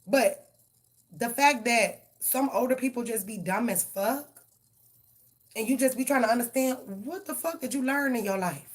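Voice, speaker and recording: A woman's voice: a little high, moderate pace. Woman, tarot reader; blunt, profane, heated delivery. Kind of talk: live tarot reading and rant.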